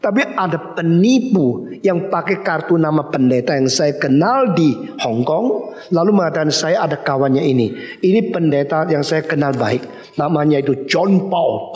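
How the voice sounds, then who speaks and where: An older man from Indonesia preaching a sermon as pastor, animated storytelling that acts out dialogue with sudden high bursts. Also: roomy sound.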